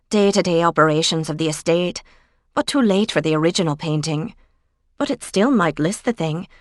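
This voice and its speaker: A woman narrator voicing a brisk, practical woman researcher in a cozy mystery audiobook, businesslike and chatty. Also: lowish voice, no echo, studio quality, natural voice.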